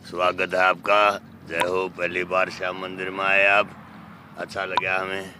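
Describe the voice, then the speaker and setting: A man's voice: low voice, monotone, a little slow, background noise. A man, an ascetic who solemnly gives blessings and answers questions outdoors. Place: outdoors at a temple fire site.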